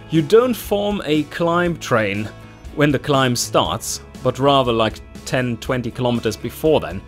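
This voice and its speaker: A man commentating his own gameplay in a slow, unhurried delivery, his pitch swinging widely as he reacts. He is animated, swearing and laughing in frustration at the game. Faint game music plays behind him. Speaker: let's play host.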